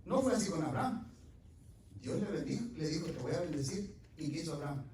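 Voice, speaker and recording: Guy preaching in a church, loud then quiet, super echoey hall, mic kinda far off. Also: a little high, expressive, quick pace, slight background noise. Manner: swings from loud emphatic preaching to quiet asides; addresses the congregation directly with questions. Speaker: pastor. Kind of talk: sermon. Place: church sanctuary.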